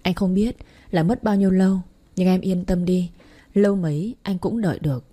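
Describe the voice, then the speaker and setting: A woman's voice: on the low side, moderate pace, mellow, close to an everyday voice. A woman reading an earnest, devoted young suitor. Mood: sincere. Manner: sincere, reassuring.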